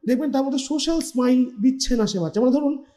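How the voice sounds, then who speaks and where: Doctor guy explaining stuff step by step on tv, talks fast, soft mellow voice. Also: very high voice. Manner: patient, explanatory, numbers points, mixes in English terms. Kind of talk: TV health interview explanation.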